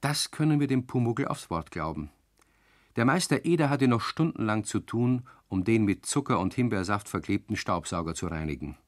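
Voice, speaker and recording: Ein Mann erzählt ruhig und gleichmäßig eine Hörspielgeschichte. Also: male voice, lowish voice, moderate pace, no room sound, studio quality. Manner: calm, storytelling. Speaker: narrator. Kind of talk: scripted radio play narration.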